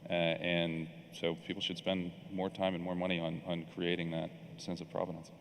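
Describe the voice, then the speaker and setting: A man speaking as a panelist in a panel discussion, halting with many restarts and fillers. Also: low voice, completely flat delivery, gravelly. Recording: reverberant hall with faint noise.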